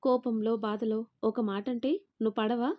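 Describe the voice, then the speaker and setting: A woman's voice: fairly high pitch, flat delivery, normal speed, mellow, natural voice. A woman voicing a proud married daughter in a spoken family story, reproachful and commanding. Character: proud married daughter, quick to defend her mother.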